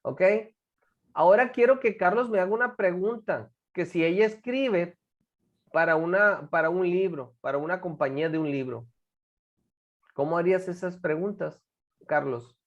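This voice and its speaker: A woman's voice: on the low side, normal speed, highs cut off. A woman teaching an English class, patiently coaxing students with guiding questions and drilling pronunciation by repeating words.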